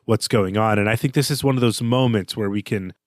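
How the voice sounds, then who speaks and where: A man with a fairly low-pitched voice speaks briskly while co-hosting a casual book podcast. He works through a novel thoughtfully, hedging his points and restarting frequently. The audio is studio quality, with no room sound.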